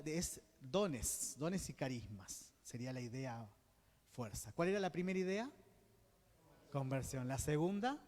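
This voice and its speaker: A man's voice: a little high, a little mellow. An Argentine man leading a religious teaching session in a preacherly style. He keeps checking in with his listeners and answers his own questions. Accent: Argentine Spanish. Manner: keeps checking in with the group by asking "¿Sí?"; poses questions to the group and answers them himself. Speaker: diocesan coordinator teaching a course. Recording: long hall reverb.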